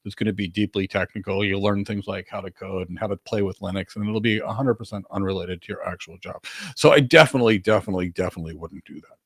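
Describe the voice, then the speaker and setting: This career coach and host has a deep, slightly rough voice and talks at a quick pace while taking audience questions in a casual Q&A. His explanations are emphatic and assertive, with key words repeated for weight. It's a clean studio recording without echo.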